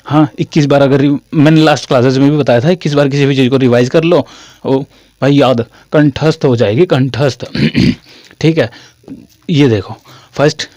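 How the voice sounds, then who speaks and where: A man's voice: medium pitch, moderate pace, darkish tone, dry recording. A young man from Haryana teaching a classroom-style lesson in a chatty way, repeating his phrases and calling listeners "brother". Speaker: English teacher.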